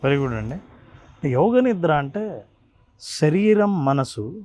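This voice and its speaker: ఒక పురుషుడు ధ్యాన గురువుగా, ఆరుబయట ప్రకృతిలో ఇంటర్వ్యూలో ఒక్కొక్క అంశాన్ని శ్రద్ధగా వివరిస్తున్నాడు. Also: male voice, a little high, very animated, slow pace, mellow, no room sound. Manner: earnest, lists points one by one. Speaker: meditation mentor. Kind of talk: explanatory interview talk. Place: outdoors in nature.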